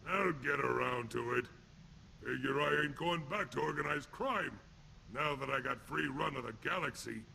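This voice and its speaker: In this video game performance, a sneering alien thug sounds smug and gruff, his heavily growling, rasping voice gravelly and rough with a sharp, hard edge. He uses crude, blunt street slang like a hardened enforcer just out of prison. Pitch is medium, pace moderate, and faint noise sits behind him.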